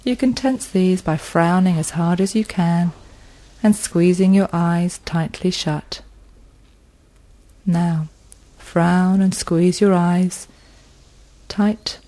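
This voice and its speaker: A woman leads a progressive muscle relaxation session in a low, mellow voice with fairly even intonation. She speaks very slowly and soothingly, leaving long pauses between phrases.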